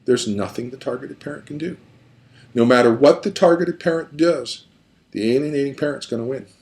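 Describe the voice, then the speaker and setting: A man working as a therapist who explains family dynamics in a conversational, animated way and sometimes acts out the people he describes. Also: medium pitch, a little fast. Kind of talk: explanatory talk.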